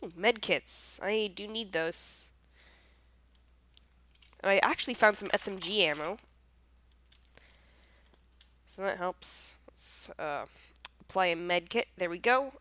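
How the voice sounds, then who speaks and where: A woman's voice: mid-range voice, slow, pauses often, bright, forceful tone, no echo. A woman with a congested, nasal voice chatting casually through her gameplay, easily surprised and self-deprecating. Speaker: gameplay commentator.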